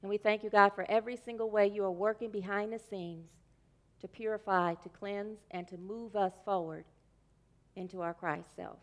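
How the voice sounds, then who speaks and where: A woman minister leading a congregation in prayer and guided meditation, speaking slowly and soothingly. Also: medium pitch, fairly even intonation. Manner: slow, soothing, gentle. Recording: music playing behind the voice.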